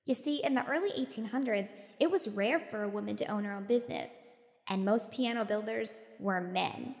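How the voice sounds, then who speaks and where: A woman voicing a bright young girl explorer in a children's audio drama, explaining history facts in a clear storytelling way. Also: medium pitch, moderate pace, no echo.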